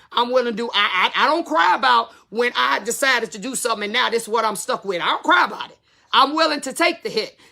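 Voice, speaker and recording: A woman's voice: high voice, creaky, pushed and bright. A woman in her fifties, a salon business educator, talking candidly and emphatically to her viewers in casual slang. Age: 50s.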